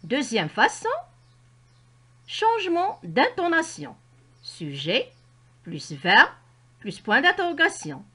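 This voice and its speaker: A woman teacher with a Moroccan French accent, explaining a grammar lesson to children slowly and with careful articulation. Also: sits high, huge pitch swings, fairly bright tone. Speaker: primary school teacher.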